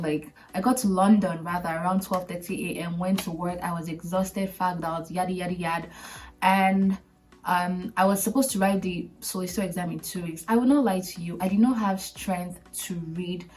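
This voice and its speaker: A woman hosting a podcast, telling her own story to viewers in a chatty, animated way, laughing often and acting out what friends said. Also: medium pitch, far from the mic, poor audio. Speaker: podcast host.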